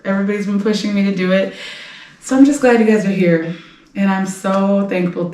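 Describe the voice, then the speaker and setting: A woman's voice: mid-range voice, reverberant, distant mic. A woman in her late twenties hosting a celebrity gossip podcast, talking casually in a brash, blunt way and swearing freely. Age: late 20s. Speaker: podcast host.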